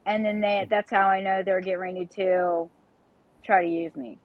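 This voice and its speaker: A woman's voice: medium pitch, fairly even intonation, moderate pace. A woman, a paranormal investigator chatting bluntly about her experiences as a medium. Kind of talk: casual storytelling. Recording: dull, dry audio.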